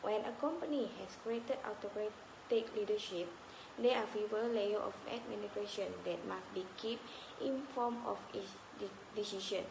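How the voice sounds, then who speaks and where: A young woman reads a student presentation with a gravelly, creaky edge and medium pitch. The room is echoey and clearly noisy. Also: normal speed. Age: young adult. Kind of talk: scripted slide presentation.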